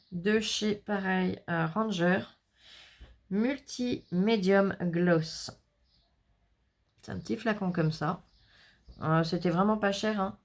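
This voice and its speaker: A woman chatting casually and rambling through a crafts haul, with self-mocking asides. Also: on the low side. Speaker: crafts vlogger.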